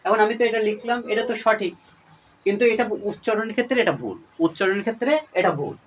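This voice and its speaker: A man's voice: high voice, lively intonation, quick pace, lo-fi sound. A man teaching a lesson to his students, who repeats each point and quizzes his listeners. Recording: voice a little far from the mic, faint room noise.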